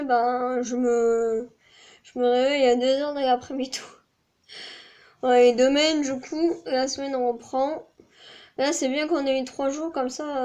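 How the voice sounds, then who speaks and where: Young woman, high voice, meandering vlog chat full of hesitations. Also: darkish tone. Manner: rambling, many fillers and restarts. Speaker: vlogger. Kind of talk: casual chat to camera.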